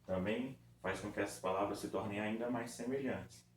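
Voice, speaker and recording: A man teaching a recorded review lesson for children, patiently stretching out words syllable by syllable. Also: on the low side. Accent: Brazilian Portuguese. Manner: patient, drawn-out syllable-by-syllable demonstration. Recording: echoey room with faint background noise.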